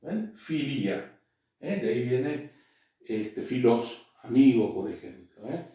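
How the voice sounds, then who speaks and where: Slow teacher in an echoey room. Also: male voice, medium pitch, sing-song, mellow, distant mic. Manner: halting, frequent "eh" and "¿ven?" checks. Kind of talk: classroom lecture. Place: classroom.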